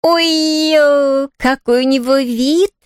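A woman's voice: high-pitched, expressive, a little fast, no room sound, studio quality, pitched above the performer's own voice. A woman voicing a teasing older sister who sneers and scolds, in a storybook reading. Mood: mocking.

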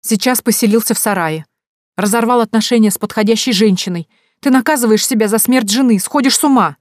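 A woman's voice: lowish voice, normal speed, mellow, no echo, studio quality. A woman reading an audiobook, voicing a stern, domineering middle-aged mother who scolds her grown son in an imperious way. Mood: scolding.

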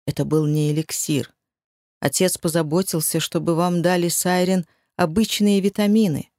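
Woman narrator voicing a low, soft-spoken male lover in a storybook. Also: steady tone, normal speed, no echo, studio quality, natural voice. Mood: pleading. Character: tender, passionate young man, lover.

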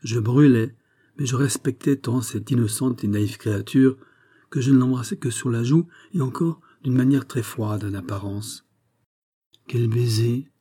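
A man reading a first-person literary memoir aloud, narrating in a measured, expressive way. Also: mid-range voice, slightly rough. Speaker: audiobook narrator.

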